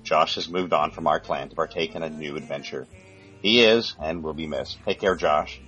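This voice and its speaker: A man's voice: rumbling low, moderate pace, fairly bright tone, soft background music, poor audio. A man hosting a casual gaming podcast, rambling with many fillers and crude jokes. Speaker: podcast host.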